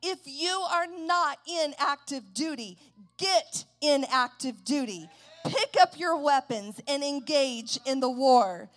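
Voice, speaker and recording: A woman preaching in a church service with a high voice. She speaks slowly and deliberately, stressing each phrase. Her lines swell into loud, forceful declarations. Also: lively intonation. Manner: declaiming a war-like declaration, slow and emphatic, rising to loud shouts. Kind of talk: sermon.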